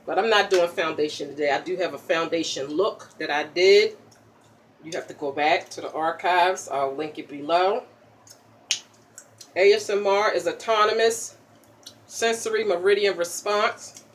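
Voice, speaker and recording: A chatty woman with a fairly low voice walks through a casual makeup tutorial, popping gum while she speaks. After every step she checks in with a quick "okay?", a faint hum audible behind her.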